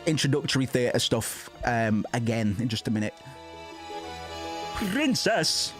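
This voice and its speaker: A man's voice: mid-range voice, steady tone, fairly quick. A man streaming a game, giving casual, profane commentary between bits of voiced dialogue. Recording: faint music behind voice.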